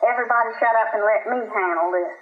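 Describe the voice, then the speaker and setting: A woman's voice: fairly high pitch, fast, lightly acted. A woman reading the part of a frightened grown son, strained and urgent, in a dull, roomy recording.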